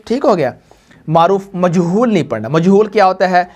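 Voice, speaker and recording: A man's voice: sits high, animated, darkish tone. A man teaching a Quran reading class, patiently repeating points and quizzing students in call-and-response. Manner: repetitive call-and-response questioning; patient, slow drilling. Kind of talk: classroom lesson to students and viewers.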